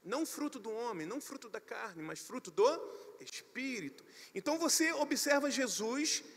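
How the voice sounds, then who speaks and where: A Brazilian man preaching a sermon as pastor at a church service, animated with sudden loud emphasis. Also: very high-pitched, moderate pace. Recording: long church reverb.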